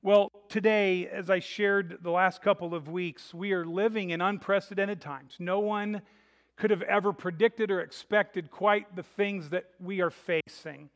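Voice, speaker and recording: High-voiced pastor in an echoing hall. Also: male voice, fairly even intonation, a little slow, a bit bright. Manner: chatty, joking then earnest preaching. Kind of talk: sermon. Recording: reverberant hall.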